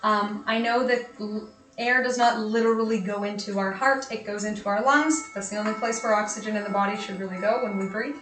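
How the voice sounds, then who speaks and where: A woman teaching a guided meditation, giving gentle, soothing, unhurried instructions. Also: mid-range voice, steady tone, noisy background. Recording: echoey room with music.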